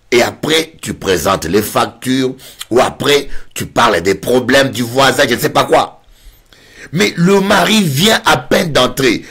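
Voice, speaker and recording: A man's voice: mid-range voice, husky. A man with a French Caribbean accent preaching a sermon, telling a funny story and acting out the voices in it. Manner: animated, acts out voices in anecdotes. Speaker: pastor.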